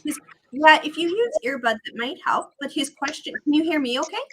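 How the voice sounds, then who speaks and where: Woman, live-stream host, bright forceful voice, a bit high, chatty, slightly irritated throat, video call audio. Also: expressive, fairly quick. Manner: upbeat, chatty, repeats herself. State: throat irritated, candy in mouth. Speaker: host of a live real-estate investing show.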